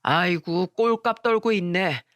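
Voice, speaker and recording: A woman's voice: medium pitch, normal speed, fairly bright tone, no room sound, studio quality, close to an everyday voice. A woman voicing a rude, blunt middle-aged male taxi driver who sneers and scolds, in a storytelling radio drama. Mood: sneering.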